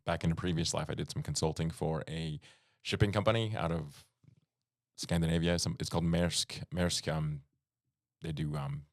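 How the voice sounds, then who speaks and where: A male host runs an interview in a reflective way, building his questions in long, layered turns. His voice is low, and the recording is dry and close. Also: a little fast, dry recording. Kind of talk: casual interview talk.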